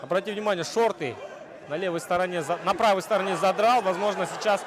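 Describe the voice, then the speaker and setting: High-pitched man calling a fight over crowd. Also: fast. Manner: excitable wrestling-commentator calls; analytical play-by-play. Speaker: fight commentator. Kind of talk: live MMA sports commentary. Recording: loud crowd and arena noise behind. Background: arena crowd.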